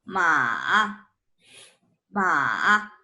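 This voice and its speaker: A woman modelling pronunciation in a slow drill, saying each word carefully twice with the tones stressed. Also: deep voice, sing-song, pushed and bright.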